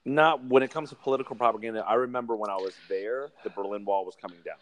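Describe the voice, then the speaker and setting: Easygoing young man with a low voice. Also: quick pace. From born in South Carolina, military family. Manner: easygoing, storytelling. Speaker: podcast guest. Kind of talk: casual podcast chat.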